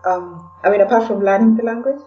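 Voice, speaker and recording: A Kenyan woman with a Kenyan accent chats as a guest in a casual interview, constantly sprinkling "you know" into her sentences. She speaks fast in a mid-range voice over soft background music, and the recording sounds distant and slightly dull.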